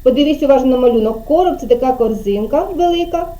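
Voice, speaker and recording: A woman's voice: sits high, animated, quick pace, dark tone. A woman kindergarten teacher giving an online speech lesson to a child over a video call, patiently drawing out syllables and prompting.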